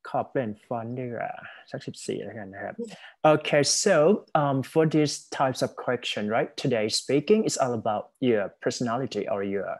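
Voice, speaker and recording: A young man with a Thai accent leads an online English speaking class in an unhurried, measured voice. His pitch sits right in the middle for a man, and he switches between Thai and English, stopping often to check that his student follows. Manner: mixes Thai and English, explains step by step with frequent check-ins. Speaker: English tutor.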